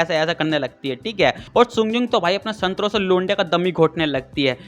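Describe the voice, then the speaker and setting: A man's voice: sits high, fairly bright tone. A man narrating a comic recap in a cheeky, crude way, talking straight to his viewers. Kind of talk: casual comic story recap.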